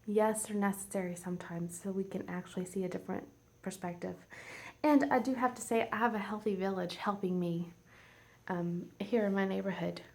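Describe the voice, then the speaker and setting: This home vlogger, a woman in her forties, talks a little fast in a mid-range voice with vocal fry. Her casual chat is rambling, heartfelt and tearful, frequently dropping into a soft near-whisper.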